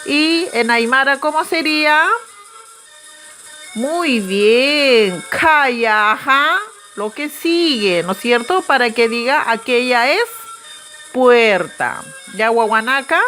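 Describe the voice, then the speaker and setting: Bright, animated woman teaching slowly. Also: a little high, soft background music. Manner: drills Aymara words slowly, checking in with "¿ya?" and "¿no es cierto?". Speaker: Aymara language teacher. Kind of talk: recorded language lesson.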